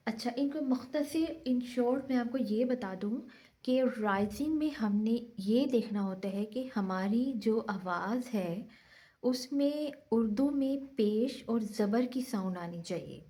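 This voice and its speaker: A woman's voice: mid-range voice, warm tone. A woman teacher explaining an English lesson step by step, repeating points in a patient, methodical way. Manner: slow, repetitive explaining mixing Urdu and English.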